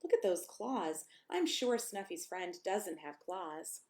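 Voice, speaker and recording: A woman's voice: fairly low pitch, expressive, takes it slowly, a little mellow. A woman voicing a big, friendly, childlike bird from a storybook in an eager, emphatic manner. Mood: sure, friendly.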